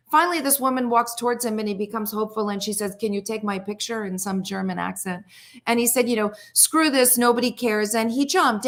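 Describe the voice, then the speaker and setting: A woman's voice: fairly high pitch, a bit bright. Earnest woman telling a story. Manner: earnest storytelling, repeats words when restarting. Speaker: guest psychologist. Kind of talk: talk show interview.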